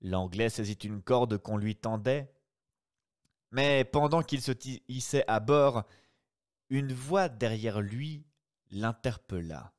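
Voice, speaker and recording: A man narrating a novel in a live read-aloud, with slow, measured delivery. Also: mid-range voice.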